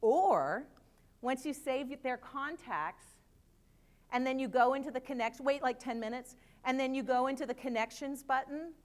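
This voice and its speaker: Conference speaker, middle-aged woman, higher voice, lively presenter with quick jokes. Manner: lively, chatty, joking asides. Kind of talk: live presentation to an audience.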